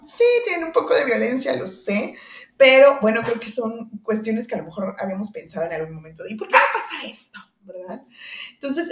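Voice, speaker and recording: Animated woman reading fairy tales. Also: fairly high pitch, echoey room. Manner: expressive, animated storytelling, affectionate with listeners. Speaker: podcast host and storyteller.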